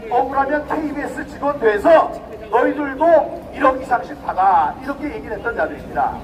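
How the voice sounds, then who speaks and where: A middle-aged man giving an emphatic protest speech at an outdoor rally, firing rhetorical questions at the crowd. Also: extremely high pitch. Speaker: rally speaker. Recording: distant mic outdoors, faint noise.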